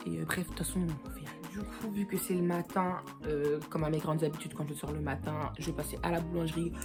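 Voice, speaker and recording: A woman's voice: deep voice, fairly even intonation, fast, over music. A young woman chatting casually in a vlog, rambling with many fillers and restarts. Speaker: vlogger.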